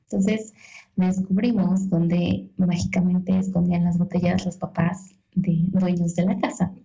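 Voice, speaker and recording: A young Mexican woman tells a personal story in a lively, self-mocking way and acts out the lines of the people in it. Her voice is gravelly and dark, and it sounds a little dull, as if recorded with limited sound. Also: lowish voice, measured pace. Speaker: guest storyteller. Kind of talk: casual anecdote.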